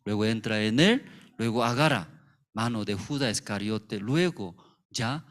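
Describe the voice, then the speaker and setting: A man's voice: on the low side, animated, measured pace, a bit bright. A male pastor preaching a sermon in simple, broken phrasing, full of rhetorical questions and acted-out characters.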